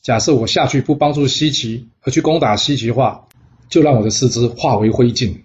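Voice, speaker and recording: A man's voice: medium pitch, brisk, a little mellow, lightly acted. A man voicing a naive, earnest young prince who has become a Taoist disciple, in a storybook tale, on a dull lo-fi recording.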